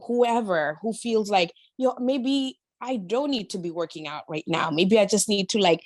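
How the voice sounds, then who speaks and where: Her medium-pitched voice moves at a normal speed with a darkish tone, captured dry and clean in a studio. She's a Kenyan podcast guest and body-confidence influencer, chatting personally in an emphatic, slangy, motivational style.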